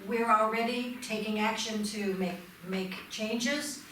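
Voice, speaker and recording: A woman's voice: fairly high pitch, fairly even intonation, slow pace, sharp tone, a little hiss or hum. A woman from the church board making an announcement, chatty and correcting herself as she goes. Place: church sanctuary. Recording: echoey hall mic from far off.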